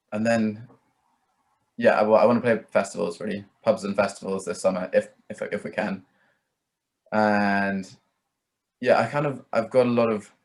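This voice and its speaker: A young musician with a darkish voice on the low side chats casually as an interview guest. He tends to ramble and hedge, using plenty of fillers such as "like" and "kind of."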